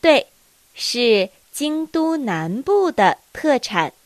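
A woman teaching a language lesson, reading dialogue lines with careful, deliberate enunciation. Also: high-pitched, very animated, no echo.

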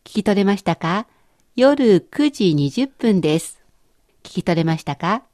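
A woman teaching a language lesson in a clear, encouraging way, explaining step by step. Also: medium pitch, animated, measured pace, darkish tone, no room sound, clean studio sound.

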